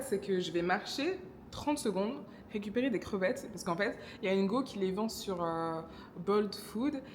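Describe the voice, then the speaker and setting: A woman's voice: mid-range voice, slight background noise. Chatty young Congolese woman vlogging. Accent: Congolese French. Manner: chatty, self-correcting, laughs at herself. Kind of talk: casual vlog narration.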